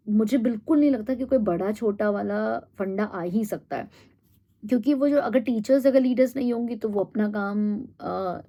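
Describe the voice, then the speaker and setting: A woman giving a reflective monologue, thinking aloud with pauses and fillers and mixing in English phrases. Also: mid-range voice, dark tone. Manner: thoughtful, pauses with fillers, mixes Hindi and English. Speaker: host.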